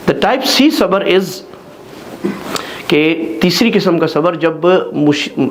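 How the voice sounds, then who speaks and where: Man, preacher, earnest sermon, slightly high voice, mixes in English, faint background hiss. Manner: mixes English phrases into Urdu, earnest exhorting. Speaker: mufti preacher.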